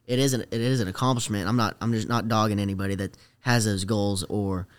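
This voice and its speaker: Speaking fast with a clear, resonant tone, a rodeo rider in his late teens or early adulthood chats casually as a podcast guest. His voice is fairly low and his intonation stays fairly even, while his talk is hesitant, meandering, and slangy.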